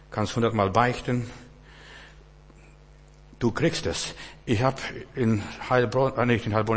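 A man preaching a sermon in church, swinging from hushed low passages to loud, fervent outbursts and often stammering restarts. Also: breathy edge. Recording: long church hall reverb.

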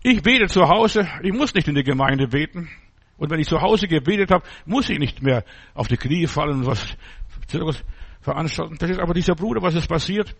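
A man's voice: on the high side, expressive, fairly quick, creaky, slightly rough. A man preaching an informal sermon, blunt and mocking, in short broken phrases.

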